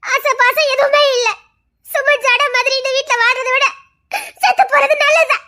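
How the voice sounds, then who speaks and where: A woman voicing a hurt young wife in a Tamil audio drama, pleading and tearful, rising to shouts. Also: very high-pitched, fairly even intonation, moderate pace. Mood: desperate. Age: young adult.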